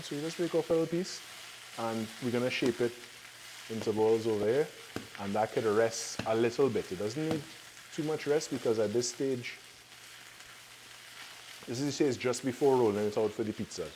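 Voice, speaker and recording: A man's voice: mid-range voice, moderate pace, long pauses, a little mellow, poor audio. A man in his thirties with a Trinidadian accent, giving an easygoing, instructive cooking demonstration in a casual chatty way. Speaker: cooking show co-host. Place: home kitchen, indoors. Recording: background noise with kitchen clatter.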